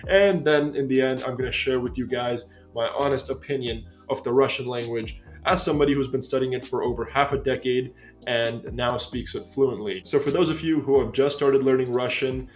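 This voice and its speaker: A young American man in his twenties hosting a language-learning video, giving an upbeat scripted explainer and slowing down to stress key points. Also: medium pitch, steady tone. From United States.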